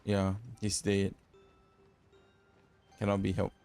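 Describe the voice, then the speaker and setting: A male streamer talks casually over his gameplay, reacting aloud to what happens on screen. His voice is fairly low, with faint game music running behind him. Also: completely flat delivery, slow pace, creaky, darkish tone, clear, resonant tone.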